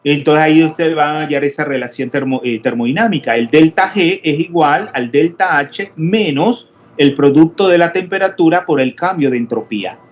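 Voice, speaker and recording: Male teacher in an online lecture, slightly high pitch, quizzes students, hesitant, muffled audio. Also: normal speed, hardly any pauses. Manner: questioning, explanatory, many hesitations. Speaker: chemistry teacher. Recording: dull lo-fi audio with faint noise.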